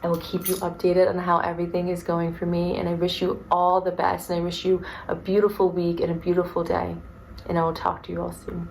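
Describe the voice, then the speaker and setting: Young woman vlogging, soft and earnest, kinda flat steady tone, faint hum behind her. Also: fairly low pitch, a little fast, gravelly, low-quality recording. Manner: soft, earnest and repetitive, gets emotional. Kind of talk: heartfelt personal vlog talk.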